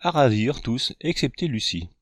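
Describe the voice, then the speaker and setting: A man's voice: medium pitch, big pitch swings, moderate pace, dry recording. Storybook young hunter, playful, voiced by the male narrator, dry close sound. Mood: calm.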